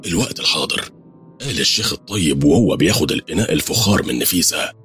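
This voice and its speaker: Egyptian guy narrating a horror story, deep raspy voice, swings around a lot. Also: fast talker, faint music behind. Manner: dramatic, expressive.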